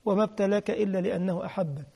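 A man preaches at a rapid-fire pace, his high voice both creaky and mellow, in an Egyptian Arabic accent. Emphatic throughout, he repeats key phrases and quizzes listeners, with long hall reverb on the recording.

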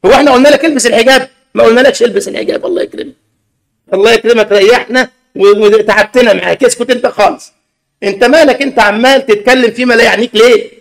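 A man's voice: very high-pitched, very fast, creaky. A man with an Egyptian Arabic accent preaching a sermon, emphatic and scolding with rhetorical questions.

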